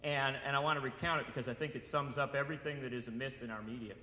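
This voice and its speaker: A man's voice: mid-range voice, fairly even intonation, racing, pushed and bright. A man from Wisconsin giving a rousing political speech to an audience, building into impassioned, repeated appeals. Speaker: speaker at a political event. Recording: echoey hall with long reverb.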